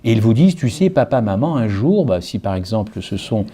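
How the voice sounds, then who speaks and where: A man from Guadeloupe preaching a sermon, his voice dark and mellow. He speaks with animated emphasis, asking the listeners rhetorical questions as he goes. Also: fairly low pitch, brisk, slightly rough. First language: Guadeloupean Creole alongside French.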